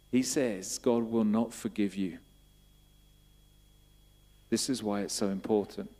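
A man preaching a sermon, asking repeated questions and building to emphatic, louder bursts. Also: medium pitch.

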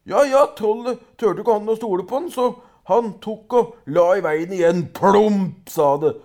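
A man reading a folk tale aloud in a lively storytelling way, with small hesitations. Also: sits high.

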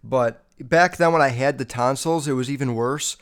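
On a podcast microphone, a sick young host runs a casual solo show, his smooth mid-range voice moving at a moderate pace. He sounds a bit nasal and under the weather, rambling with many fillers and heavy swearing.

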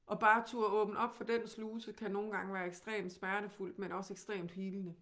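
A woman with a Danish accent teaching, who guides calmly and gently with many questions. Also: medium pitch.

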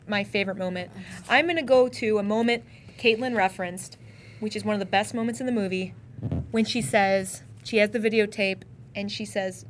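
Woman, mid-pitched voice, enthusiastic podcast co-host, faint hiss. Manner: enthusiastic, quick to laugh. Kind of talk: casual podcast chat.

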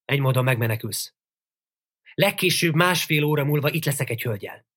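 A man's voice: fairly high pitch, animated, a bit bright. A man reading aloud and voicing a half-hairy man who harshly threatens and commands a hotel maid. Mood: menacing.

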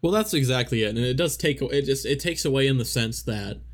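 A man's voice: mid-range voice, lively intonation, fairly quick. A man co-hosting a podcast, talking casually about a movie with frequent restarts and fillers. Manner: rambling, many restarts and fillers. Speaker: podcast co-host.

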